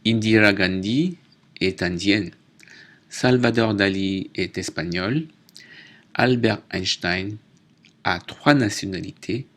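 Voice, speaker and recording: Man, French teacher, slow deliberate lesson, spells and repeats words, lowish voice. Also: a bit bright. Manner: self-corrects mid-list. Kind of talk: slow, careful language lesson.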